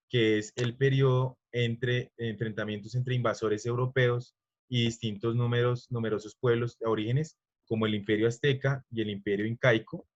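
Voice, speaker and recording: A male teacher leads an online class, wandering through his explanation and pausing to quiz the students. His voice sits at an ordinary pitch. The audio is muffled and lo-fi. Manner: rambling, stops to quiz students.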